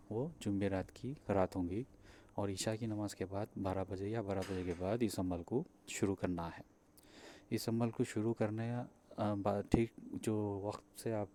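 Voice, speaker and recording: A man with a Pakistani Urdu accent walks listeners through a ritual, step by step. His voice sits low and dark, with little rise or fall, and he keeps checking in and repeating himself. Faint noise hums behind him. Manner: repeats steps, checks in with "theek hai"; hesitant, with fillers and restarts. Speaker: spiritual practitioner teaching a ritual. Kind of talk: spoken instruction to viewers.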